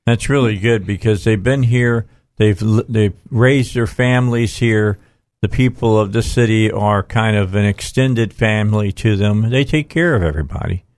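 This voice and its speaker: A man's voice: fairly low pitch, moderate pace, darkish tone, no echo. A man hosting a radio talk show in casual, conversational live talk.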